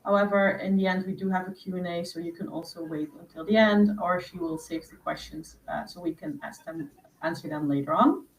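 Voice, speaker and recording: A woman's voice: fairly low pitch, brisk. A woman hosting a webinar for prospective students, explaining step by step with frequent fillers over a video call. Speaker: host. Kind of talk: webinar presentation. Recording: roomy distant mic with faint noise.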